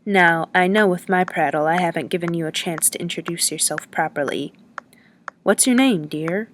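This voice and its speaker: A woman's voice: on the low side, moderate pace, a little hiss or hum, lightly acted. A woman reading the lines of a chatty, teasing male lodging-house keeper who rambles in a folksy way.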